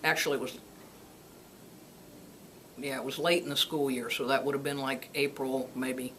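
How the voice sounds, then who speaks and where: Lively storytelling woman in her sixties. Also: a bass voice, moderate pace, a little hiss or hum. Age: 60s. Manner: lively, acts out dialogue, laughs often. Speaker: retired Air Force colonel, veteran. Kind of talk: personal storytelling interview.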